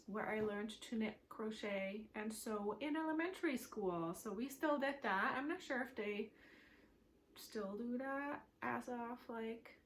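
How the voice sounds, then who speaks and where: A Swiss woman whose first language is German hosts a knitting podcast from home, chatting casually to camera. Her fairly high voice keeps a measured pace, and there's a little hiss or hum in the audio as she rambles along with lots of fillers.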